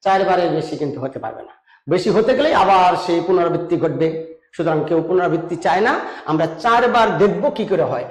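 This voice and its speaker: A man with a fairly high voice gives a step-by-step grammar lesson. He poses questions to the class and answers them himself. The sound is roomy and echoey. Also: quick pace. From Bangladesh. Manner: patient explaining, asks rhetorical questions, chants rhymes. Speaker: teacher.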